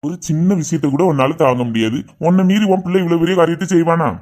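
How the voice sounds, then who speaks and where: A man's voice: a little high, fairly even intonation, fast talker, a little mellow, close to an everyday voice. A man playing a firm, reassuring uncle. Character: steady uncle, calming and advising the family.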